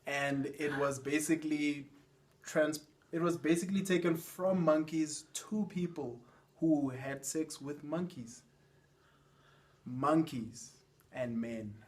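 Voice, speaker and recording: A man's voice: a little high, slow pace. A young South African man chatting casually with friends, joking and matter-of-fact. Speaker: friend of the vlogger. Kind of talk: casual chat.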